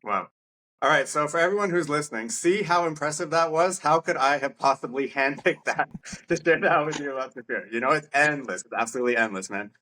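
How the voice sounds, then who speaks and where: Talking into a podcast mic, a middle-aged host keeps the interview casual, chummy, and full of laughter. His voice is a little high and sharp, and he speaks fairly quickly.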